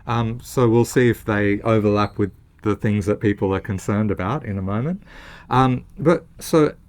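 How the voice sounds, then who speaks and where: A man's voice: on the low side, normal speed, a little mellow. A man hosting a casual interview, asking questions with many hesitations and fillers. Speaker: interviewer, channel host.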